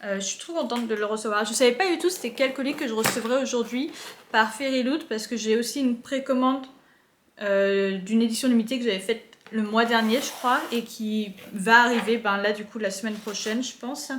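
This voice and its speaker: A young woman casually chatting as she unboxes books at home, gushing with excitement and using lots of fillers. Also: on the high side, a little fast, slight background noise. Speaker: book unboxing vlogger. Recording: echoey room.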